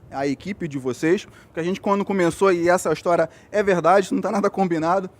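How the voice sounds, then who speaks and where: A Brazilian man speaks to a group of young athletes in a motivational talk, earnest and insistent. His voice sits high for a man, and he keeps returning to the same points while checking that his listeners follow him. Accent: Brazilian Portuguese. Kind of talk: motivational speech.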